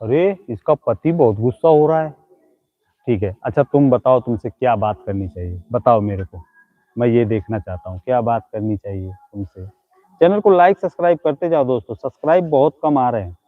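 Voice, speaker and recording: A man's voice: medium pitch, animated, moderate pace. A man hosting a comic live stream, mockingly scolding and insulting imaginary ghosts with teasing jabs. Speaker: live-stream comedy host. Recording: tinny phone-like audio.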